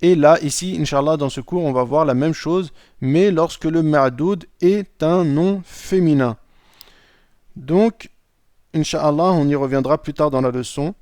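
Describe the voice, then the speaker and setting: Male teacher, slightly high voice, dry close mic, patient lesson delivery. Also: unhurried, darkish tone, no echo. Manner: checks in with "d'accord?" often. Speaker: Arabic teacher. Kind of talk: explaining a lesson.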